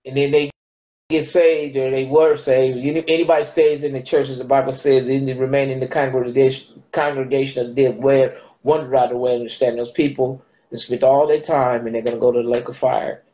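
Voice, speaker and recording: A man's voice: level tone, a little fast. Middle-aged man preaching scripture, lo-fi audio. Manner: preaching cadence, quotes scripture, rises in pitch on key words. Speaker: bible teacher. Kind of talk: informal bible teaching to camera. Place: small indoor room. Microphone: phone camera held close. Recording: dull lo-fi phone audio.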